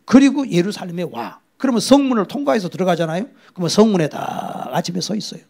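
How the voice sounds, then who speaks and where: A middle-aged male pastor preaching with a high, lively voice that swings widely in pitch. His tone is gravelly and husky, and he tells the story dramatically, sometimes dropping to a whisper. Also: quick pace. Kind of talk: sermon.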